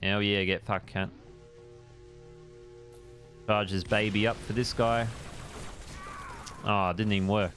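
A man's voice: on the low side, fairly even intonation, slow pace, pauses often, fairly bright tone, soft background music. A young adult man, chatting casually on a gaming live stream, rambling laid-back and swearing at the game.

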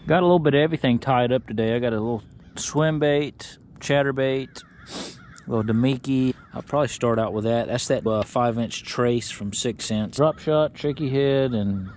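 A man's voice: medium pitch, normal speed. A middle-aged man talking casually on a fishing vlog from a small boat on a lake, recorded on a mounted action camera. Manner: relaxed, plain-spoken, rambling. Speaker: fishing vlogger. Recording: outdoor wind and water noise.

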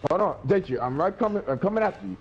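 A man's voice: high voice, expressive, racing, creaky, dull audio. A man playing a co-op game with a friend, teasing and exclaiming at glitches. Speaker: gaming partner. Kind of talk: casual co-op gaming chat.

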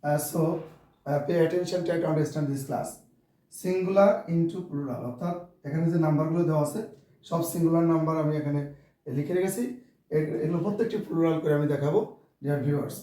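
A man's voice: a little high, moderate pace, mellow. A man with a Bengali accent teaching an English grammar lesson, often calling out "dear viewers" and spelling words letter by letter. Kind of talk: classroom lesson to camera. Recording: very echoey room, voice from far off.

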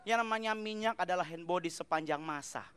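A man doing stand-up on a TV studio stage into a handheld mic, talking loud and animated in slangy street speech. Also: high voice, a little fast. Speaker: stand-up comedian. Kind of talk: stand-up comedy set. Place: TV studio stage with live audience. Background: audience laughter.

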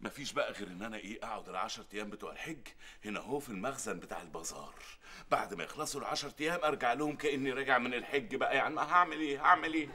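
An actor playing a hot-tempered man conned out of his trip, with an Egyptian accent, loud and indignant in a sitcom. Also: mid-range voice, expressive, very fast, breathy edge, exaggerated voice. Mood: exasperated. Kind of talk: sitcom acting. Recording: sitcom studio with laugh track. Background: studio audience laughter.

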